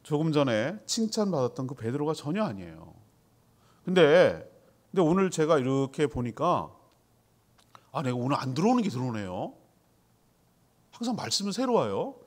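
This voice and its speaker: A man's voice: a little high, very animated, moderate pace, long pauses. A man preaching a sermon in a conversational way, asking the congregation questions and answering them himself. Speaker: pastor.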